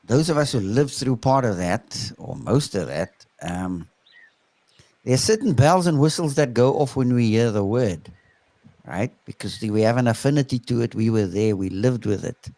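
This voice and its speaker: A man's voice: mid-range voice, lively intonation, moderate pace, dark tone, no echo. A man from South Africa, a teacher, talking reflectively and emphatically, often checking in with "right?". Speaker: teacher and speaker. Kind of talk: reflective conversational talk.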